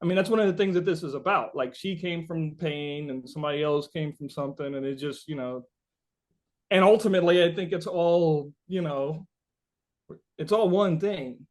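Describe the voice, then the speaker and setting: He has a high-leaning, darkish voice and keeps a normal speed. As a musician giving an interview, he drifts through reflective, philosophical thoughts, repeating phrases and doubling back as he talks.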